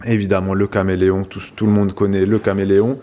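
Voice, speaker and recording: A man's voice: deep voice, little pitch movement, fast talker, mellow. A man from La Réunion with a Réunion Creole accent, rambling casually through an unboxing for his vlog, full of little fillers. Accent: Réunion Creole French. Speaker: vlog host.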